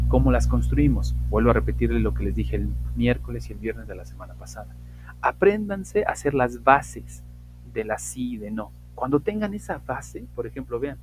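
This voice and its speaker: A man teaching English in an online class, slowly and emphatically modeling example sentences. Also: medium pitch, mellow, poor audio.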